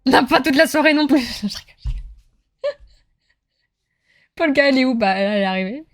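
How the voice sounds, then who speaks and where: A woman streaming from home, chatting with her viewers in a lively, joking way and cheering on a race. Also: high-pitched, fast. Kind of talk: live-stream chat with viewers while racing.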